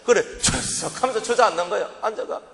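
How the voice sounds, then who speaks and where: This pastor speaks fast with a high voice and some vocal fry, his Gyeongsang Korean accent clear as he delivers a sermon built on dramatic personal testimony. He acts out his old prayers and his own crying, and the church sanctuary gives his words a long hall reverb.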